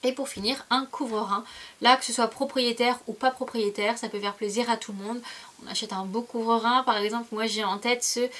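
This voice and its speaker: A woman's voice: fairly high pitch, fairly even intonation, a little fast, fairly bright tone. Chatty young French woman vlogger. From France. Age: 20s. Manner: chatty, many hesitations and self-corrections. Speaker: equestrian vlogger. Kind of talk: casual vlog gift guide.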